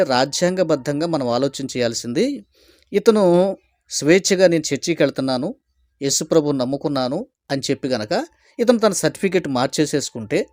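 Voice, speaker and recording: A man speaking as a pastor, giving a rhetorical, argumentative commentary full of rapid questions. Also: fairly high pitch, darkish tone, no room sound, studio quality. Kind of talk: opinion commentary to camera.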